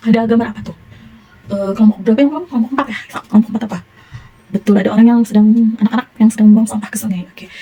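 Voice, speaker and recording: A woman's voice: fairly high pitch, warm tone, slightly rough, rough recording. A young woman with a Sundanese accent teaching a primary school class, encouraging and praising pupils often. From Indonesia. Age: young adult.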